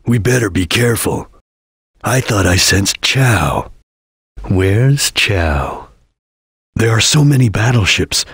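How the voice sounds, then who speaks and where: A serious ninja chameleon from a video game. The voice is heavily husky and breathy, recorded close and dry. The delivery is solemn, terse and watchful, with a disciplined formality. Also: male voice, on the low side, animated, takes it slowly, pauses often, fairly bright tone, no room sound, heavily acted. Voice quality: husky, gravelly. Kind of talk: English video game voice acting.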